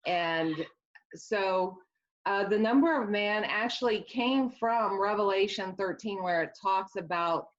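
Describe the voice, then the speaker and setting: A woman's voice: medium pitch, unhurried. A woman with a Midwestern accent, an author talking earnestly about her work in a casual interview, rambling a little with restarts. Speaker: author guest. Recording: dull lo-fi sound.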